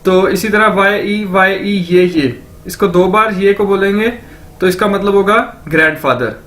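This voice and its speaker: Slow, high-voiced man teaching vocabulary. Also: a bit bright. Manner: repeats each word slowly several times; asks questions then answers them himself. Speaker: language teacher. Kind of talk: step-by-step vocabulary lesson.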